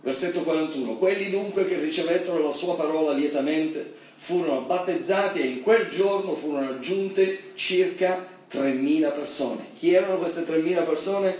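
Male preacher in a very echoey hall. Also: moderate pace. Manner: animated, rising to high emphatic bursts. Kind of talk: sermon. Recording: very echoey hall, mic far off, faint background noise.

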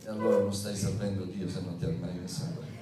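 A man's voice: low-pitched, flat delivery, fast, loud music behind the voice. A male pastor delivering a sermon, reading scripture aloud, getting the congregation to repeat lines, and making joking asides. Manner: call-and-response preaching, asks congregation to repeat lines. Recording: echoey hall, mic at a distance.

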